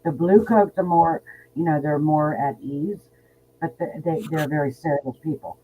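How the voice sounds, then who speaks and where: Over a tinny phone line with faint background noise, a woman in her fifties talks at a moderate pace with a low-pitched, warm tone. She's a psychic medium guest in a casual interview, outspoken and blunt, frequently repeating herself.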